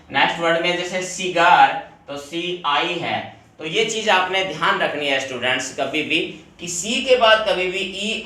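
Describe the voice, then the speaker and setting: Male teacher, bright voice, recorded off-mic in a very echoey room. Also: on the high side, far from the mic. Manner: explains step by step, repeats rules, addresses students directly. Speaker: English teacher. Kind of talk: classroom video lesson.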